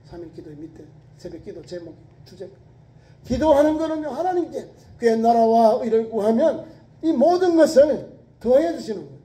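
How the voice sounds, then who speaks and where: A man's voice: very high-pitched, sing-song, normal speed, warm tone. A male pastor preaching a sermon with emphatic, questioning delivery. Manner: emphatic preaching, rhetorical questions, acts out prayers and voices. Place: church sanctuary. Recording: echoey church hall, voice from a distance.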